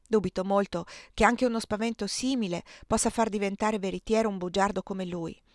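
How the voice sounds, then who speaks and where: A woman reading an audiobook, voicing a calm, skeptical companion who reasons in a measured way. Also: medium pitch, no room sound, studio quality, close to an everyday voice.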